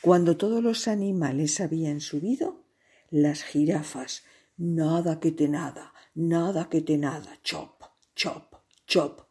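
A woman reading a children's story aloud in an expressive, playful way, with sound effects. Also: low voice, a little slow, slightly rough.

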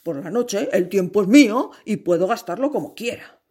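A woman voicing a gentle male scarecrow, earnest and pleading, with a husky voice, told as a storybook tale. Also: medium pitch, animated, moderate pace, lightly acted.

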